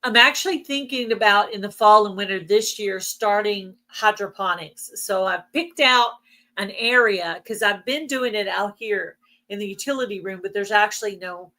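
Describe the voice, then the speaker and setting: A woman's voice: mid-range voice, normal speed, bright, forceful tone. A woman in casual, chatty, explanatory conversation, her voice giving out from allergies. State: losing her voice from allergies, throat clearing. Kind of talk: casual chat.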